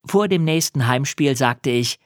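A man reading a first-person children's story aloud, telling it with animation. His pitch rises and falls a great deal, and the recording is dry and close with no room echo. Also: lively intonation, measured pace. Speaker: audiobook narrator. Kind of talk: scripted first-person narration.

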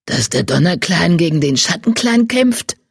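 A reader voicing a weary old she-cat, a former healer, in a lowered, subdued storybook voice. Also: big pitch swings, normal speed, creaky, slightly rough, no echo, clean studio sound, heavily acted. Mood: defensive.

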